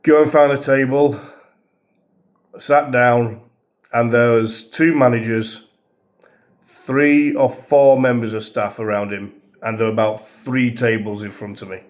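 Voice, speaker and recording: A man's voice: mid-range voice, steady tone, unhurried. A man vlogging a holiday review, ranting with exasperation, swearing and sarcasm. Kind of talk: angry ranting travel diary.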